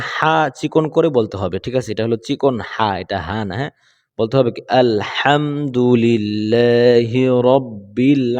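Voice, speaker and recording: A man teaching Quran recitation, chanting verses slowly and explaining pronunciation patiently. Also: medium pitch, dull audio. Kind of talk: slow recitation lesson with explanations. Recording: long hall reverb.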